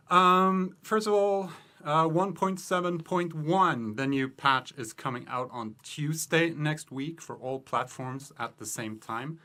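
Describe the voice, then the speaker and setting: A man reading out game news quickly, hurried and a bit out of breath. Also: medium pitch, bright, forceful tone. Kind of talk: rapid news update.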